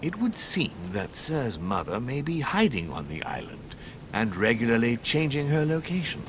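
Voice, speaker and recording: A man acts a deferential, ceremonious manor servant in a video game cutscene, speaking formally and carefully and eager to reassure. He is obsequious and addresses the listener in the third person, in a lightly acted, sing-song voice at a moderate pace. A constant rumble runs in the background.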